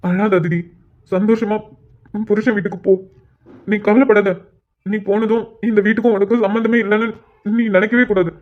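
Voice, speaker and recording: A man voicing a gentle, protective older brother who soothes his tearful sister in a cartoon. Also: high voice, level tone, brisk, pauses often, highs cut off, natural voice. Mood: soothing. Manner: soothing, reassuring. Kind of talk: Tamil cartoon voice acting.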